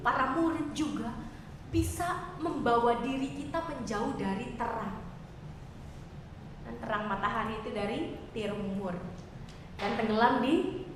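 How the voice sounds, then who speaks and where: Lady pastor w a really high voice, chatty sermon, big echoey church, mic way off. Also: far from the mic, a little hiss or hum. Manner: chatty and expressive, asks the congregation questions. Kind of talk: conversational sermon. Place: church hall.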